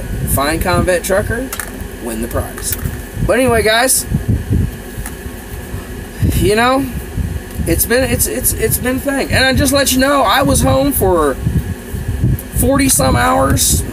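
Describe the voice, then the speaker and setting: A man's voice: extremely high pitch, animated, unhurried, long pauses, very noisy. A man in his forties, a truck driver vlogging casually from inside his truck cab at night, rambling and repeating himself with eager energy. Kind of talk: casual vlog chat to camera. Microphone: phone or camera held close.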